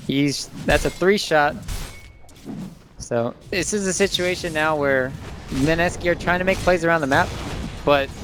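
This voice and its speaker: A man giving live analysis as a co-commentator on a video game match, conversational and thinking aloud as he restates his points. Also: a little high.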